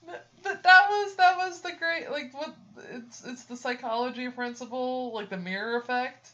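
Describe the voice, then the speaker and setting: A woman's voice: high voice, normal speed, bright, forceful tone. A young woman co-hosting a casual podcast, giggling and laughing often, on dull lo-fi audio. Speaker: podcast co-host. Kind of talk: casual chat.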